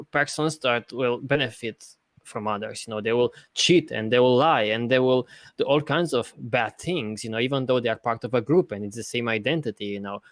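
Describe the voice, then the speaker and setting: An earnest man, his voice sitting in an ordinary middle register. He argues his case in a casual podcast chat, halting and restarting as he thinks aloud. The sound is close and dry. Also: mid-range voice, dry recording. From Romania. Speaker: podcast host. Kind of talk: casual discussion.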